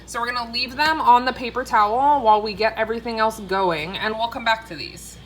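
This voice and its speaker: This cooking vlogger, a woman in her thirties, chats and explains a recipe fairly quickly in a fairly high, somewhat bright voice. She records a casual vlog from her home kitchen, and some faint kitchen noise sits in the background.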